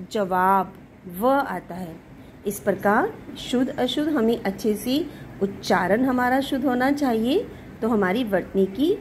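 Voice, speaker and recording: A woman teaching a recorded Hindi grammar lesson, saying each word slowly, often twice, and clearing her throat now and then. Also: a little high, darkish tone, a little hiss or hum. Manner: slow, careful, repeats each word for pronunciation.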